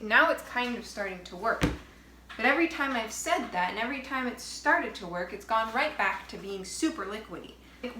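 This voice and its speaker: A woman with a mid-range voice vlogs casually while baking in her home kitchen, out of breath, in an echoey room with a noisy background. She sounds exasperated and pokes fun at herself, swearing now and then.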